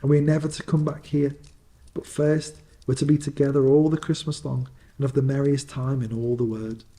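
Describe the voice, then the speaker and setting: A man's voice: mid-range voice, flat delivery, normal speed, dark tone, lightly acted. A man voicing a tiny, affectionate and gleeful little sister, eagerly repeating words, in storybook fireside storytelling. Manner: eager, repetitive. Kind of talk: fireside storytelling, acted dialogue.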